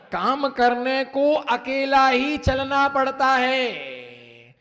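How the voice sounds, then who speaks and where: Jain monk preacher, high voice, slow sing-song delivery, hall reverb, playful storytelling with call-and-response. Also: male voice. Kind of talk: sermon with folk rhymes and parables.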